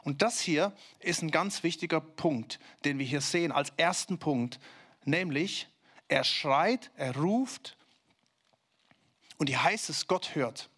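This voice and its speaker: A man preaches in a loose, chatty way, his voice sitting somewhat high. He puts questions straight to his listeners and sinks low and slow when he wants a point to land. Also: animated, a bit bright. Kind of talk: sermon.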